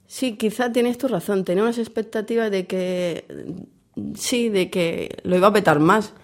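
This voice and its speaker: Hoarse woman with a cold. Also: medium pitch, steady tone, moderate pace. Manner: candid, chatty, self-deprecating. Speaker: comics author and editor. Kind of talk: casual interview.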